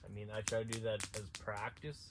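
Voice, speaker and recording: Against a noisy background, a man from central Saskatchewan, Canada, talks fairly quickly in a fairly low, flat-sounding voice. He's an outdoor vlogger at an abandoned school at night, casually rambling through stories for his camera with restarts and chuckles.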